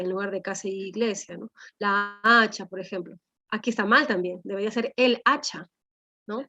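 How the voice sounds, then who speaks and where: A woman teacher, explaining a language lesson to her class and often checking in with her students through tag questions. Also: a little high. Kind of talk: class lecture. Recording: dull lo-fi sound.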